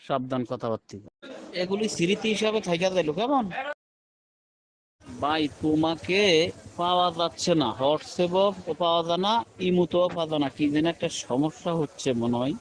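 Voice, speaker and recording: A man's voice: fairly high pitch, moderate pace. A middle-aged man, rambling and pleading in a personal voice message, repeating himself.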